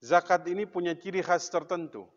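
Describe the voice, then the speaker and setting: A man's voice: sits high, brisk. Man preaching in an echoey mosque. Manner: asks the congregation questions, tells anecdotes with humor. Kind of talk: mosque sermon. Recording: dull sound with long reverb in a hall.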